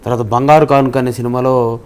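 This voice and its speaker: A man's voice: medium pitch, little pitch movement, fairly quick, a little mellow, smooth. A man, a mimicry artist and guest, chatting in an interview in an explanatory, conversational way. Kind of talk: casual interview chat.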